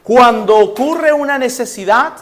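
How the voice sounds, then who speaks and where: A male pastor with a Nicaraguan Spanish accent preaches a sermon conversationally, acting out little scenes. His voice is very high, a bit bright, and unhurried.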